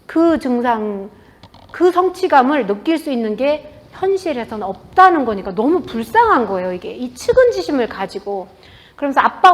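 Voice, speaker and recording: A woman with a fairly high voice speaks to a bookstore audience as the author of the book. She tells anecdotes in a lively way and acts out the quoted dialogue. Her delivery stays conversational and animated. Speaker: author giving a book talk. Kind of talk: public book talk to an audience. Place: bookstore event space.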